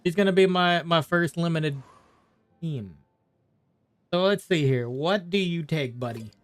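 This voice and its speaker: A game streamer, a man with a fairly high voice, chats casually during a livestream at a measured pace. He rambles and thinks aloud as he plays, with soft music behind him.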